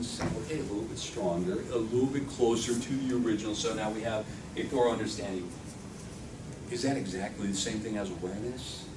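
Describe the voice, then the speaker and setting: Recorded from a distance in an echoey room with persistent noise, a man whose first language is Spanish runs a classroom workshop. Fairly low-pitched, he asks question after question, often answering himself.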